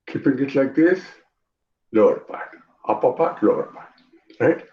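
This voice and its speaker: Animated Indian man teaching yoga. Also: mid-range voice, a little slow. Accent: Indian English. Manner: animated, repeats phrases, asks the class questions. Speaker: yoga instructor. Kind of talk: online yoga class instruction. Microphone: video call. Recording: roomy, dull lo-fi video call audio.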